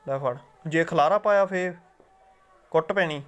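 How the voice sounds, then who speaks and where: A man's voice: a little high, a little slow, fairly bright tone, clean tone. A man talking casually to his pet parrot, coaxing and scolding it with short, repeated phrases. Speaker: pet owner.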